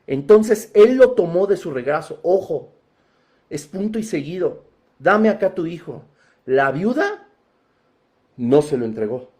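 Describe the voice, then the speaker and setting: A man preaching a Bible teaching sermon, emphatic, inviting listeners to picture each scene and swelling into loud, forceful passages. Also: on the high side, sing-song, unhurried.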